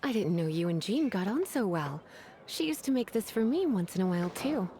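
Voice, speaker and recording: A woman's voice: medium pitch, big pitch swings, brisk, dark tone, slight background noise, lightly acted. Woman playing flirtatious, lilting witch librarian Lisa. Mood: pleased, teasing. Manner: teasing, coquettish, refined. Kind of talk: video game voice acting.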